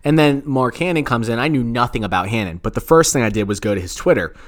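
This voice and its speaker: A man co-hosts a podcast, casually airing his opinions about sports radio in a profane, rambling way full of repeated phrases. His mid-range voice moves quickly with lively intonation, recorded in studio quality with no echo.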